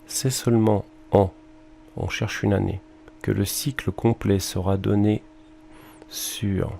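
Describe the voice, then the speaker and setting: A man's voice: on the low side, level tone, takes it slowly, creaky, dark tone, slight background noise. A male music teacher with a French accent, talking students through a research worksheet and thinking aloud with fillers and mild exclamations. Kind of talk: screen-recorded lesson walkthrough.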